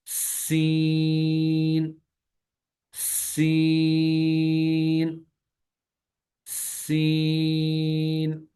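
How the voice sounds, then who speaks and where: A man who teaches Quran recitation, giving a recorded lecture and explaining slowly and patiently, with long drawn-out sample sounds and a Pakistani Urdu accent. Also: a little high. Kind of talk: recorded lecture on letter pronunciation.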